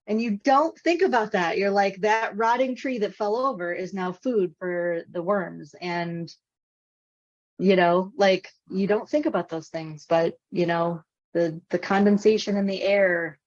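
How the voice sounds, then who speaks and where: A woman's voice: mid-range voice, unhurried. A woman hosting a podcast in casual conversation over a video call, talkative and full of "you know". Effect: on a video call with a dropping connection. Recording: dull lo-fi video call audio.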